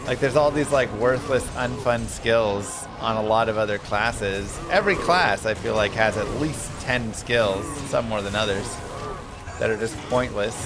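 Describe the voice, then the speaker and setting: Male game streamer, casual rambling gamer talk, slow delivery, music underneath. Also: fairly low pitch. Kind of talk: casual live-stream chat about a video game.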